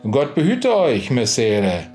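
A man voicing sly male highway rogues who talk in a mocking, wheedling way. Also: huge pitch swings, slow pace, a little mellow, soft background music.

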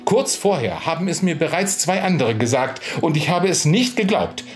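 A man's voice: medium pitch, sing-song, a little slow, soft background music. A man voicing an old, gullible village priest who exclaims in indignant disbelief.

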